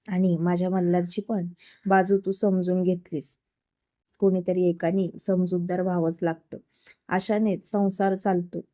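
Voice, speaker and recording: A woman's voice: fairly low pitch, flat delivery, measured pace, dry recording, clean studio sound, close to an everyday voice. Woman doing a fond older mother-in-law. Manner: warm, praising.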